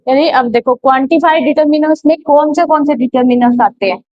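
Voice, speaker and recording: A woman's voice: high-pitched, a little fast, dry recording. A woman teaching grammar in a classroom lecture, explaining step by step and posing rhetorical questions. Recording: dull, slightly lo-fi, dry sound.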